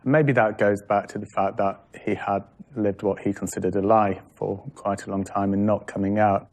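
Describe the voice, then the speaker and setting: A man's voice: fairly low pitch, level tone, moderate pace, a little mellow. A man interviewed, speaking thoughtfully about someone he interviewed. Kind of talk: interview commentary.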